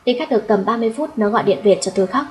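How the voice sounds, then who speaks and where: A woman reading a first-person audiobook story in a steady, blunt way. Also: mid-range voice, racing, a little hiss or hum, rough recording. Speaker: audiobook narrator.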